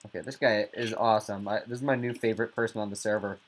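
A man giving casual, jokey gameplay commentary as a YouTuber, with sudden squeaky outbursts. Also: fairly even intonation, fast talker. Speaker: gaming YouTuber.

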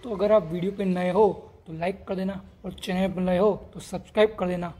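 A man's voice: sits high, steady tone, brisk, mellow. Chatty young man vlogging outdoors. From Gujarat, India. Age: young adult. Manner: chatty, repeatedly pointing things out to viewers. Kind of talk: casual vlog to camera. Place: village lanes and fields outdoors. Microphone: camera held at arm's length.

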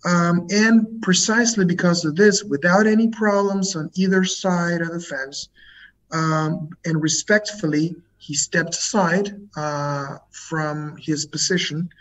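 A man interpreting in an interview, relaying another man's answers as a halting spoken English translation. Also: on the high side. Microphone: video call. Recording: dull lo-fi video call with loud noise.

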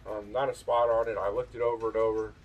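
A man rambles through a nighttime thrift haul on his back porch, stumbling over fillers and restarts in a casual vlog. He talks quickly in a lowish, flat voice, recorded at a distance with phone-quality sound.

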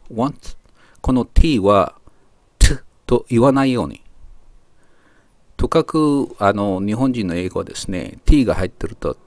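A man teaching English grammar, reading model sentences slowly and carefully with pauses. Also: lowish voice, no room sound. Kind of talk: explaining grammar to learners.

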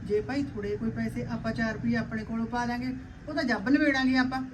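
A woman's voice: a little high, fairly even intonation, fast, distant mic, background noise, close to an everyday voice. An actress playing a caring Punjabi mother-in-law, talking firmly and soothingly to her daughter-in-law.

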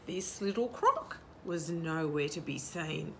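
Reading a picture book to young children on an outdoor garden patio, this older storytime host is slow, animated and sing-song, asking the listener questions. Her voice sits low with vocal fry. The camera a short distance away records a noisy background.

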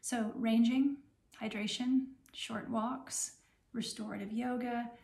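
A middle-aged woman recovering from surgery speaks in a soft-edged, fairly high voice with very little melodic movement. She explains things gently and takes her time, pausing as she goes. It is a casual home vlog, recorded in a roomy, echoing space. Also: steady tone, creaky. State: recovering from recent surgery, sore. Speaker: health vlogger sharing recovery advice. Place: small home room, indoors.

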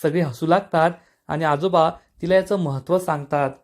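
This is a scripted TV serial recap narrated by a man whose pitch runs somewhat high. He moves at a moderate pace, keeping the telling even and reading each quote without embellishment.

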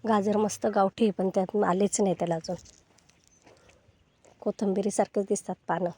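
A woman's voice: medium pitch, fairly even intonation, moderate pace, slightly rough. Chatty woman touring her farm. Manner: chatty, gets loud and coaxing when feeding goats. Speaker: farm vlogger. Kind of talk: casual walk-through narration. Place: outdoors on a farm.

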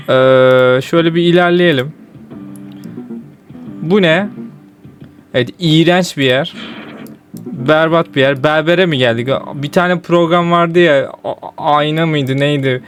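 A young man giving casual commentary while playing a geography game, often exasperated and breaking into outbursts. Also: fairly high pitch. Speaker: gaming streamer.

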